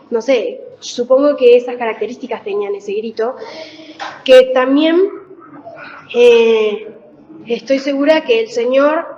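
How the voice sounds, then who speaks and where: A woman preaching a Bible reflection in a conversational way, pausing often with fillers. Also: a little high, darkish tone, muffled recording. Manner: conversational, with many fillers and pauses. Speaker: church speaker.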